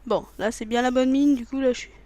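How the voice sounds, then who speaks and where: A man's voice: extremely high pitch, fairly even intonation, fast talker, no echo. A man giving rambling, joking let's play commentary, punning, swearing casually and talking to himself and his viewers. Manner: swears casually, bursts into loud exclamations. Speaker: gaming video maker.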